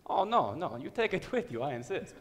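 A man's voice: on the high side, sing-song, brisk, long reverb tail, crowd noise. A man playing a touchy, grandiose mob boss in a stage comedy, theatrical and needling. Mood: dismissive. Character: Italian-American mob boss, touchy, grandiose, menacingly genial. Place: church-style hall stage before an audience.

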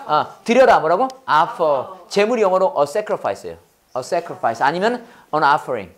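With a sing-song, mid-range voice, this teacher runs a Bible-based English class built on call-and-response drills. Questions go out to the students, and phrases are said over slowly so learners can follow.

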